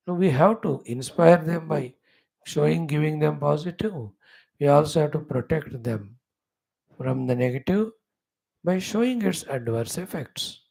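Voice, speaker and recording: A man with a North Indian accent teaching scripture in an informal discourse, explaining in short halting phrases and often checking with his listeners. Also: a little high, creaky, mellow, husky. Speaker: spiritual teacher.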